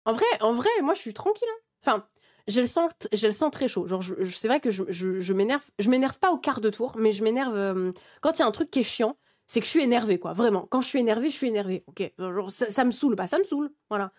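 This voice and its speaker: A young woman streamer with a slightly high voice, ranting to her chat in a casual way. She gets heated, swears a lot and often stumbles and restarts mid-sentence. She sounds close to a desk microphone. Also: expressive, fast talker, a little mellow. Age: 20s.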